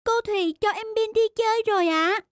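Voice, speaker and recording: A performer voicing a gentle, obedient young girl in a children's cartoon, speaking in a polite, soft-spoken way. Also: very high voice, a little fast, dry recording, clean studio sound, pitched above the performer's own voice.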